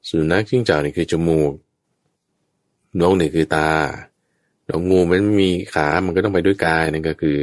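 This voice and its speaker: A man's voice: sits low, moderate pace, a little mellow, dry recording, clean studio sound. A man teaching Buddhist Dharma in a conversational way, explaining patiently and checking that his listener understands.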